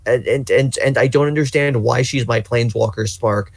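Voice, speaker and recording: A man's voice: mid-range voice, moderate pace, creaky, no echo. A man co-hosting a casual podcast, ranting and rambling with lots of swearing. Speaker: podcast co-host.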